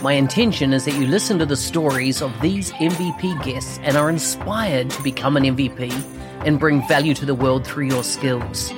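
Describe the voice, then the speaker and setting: A man's voice: mid-range voice, moderate pace, over music. A man hosting a podcast interview, reading a sponsor spot and then asking a guest questions in an eager, upbeat way. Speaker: podcast host.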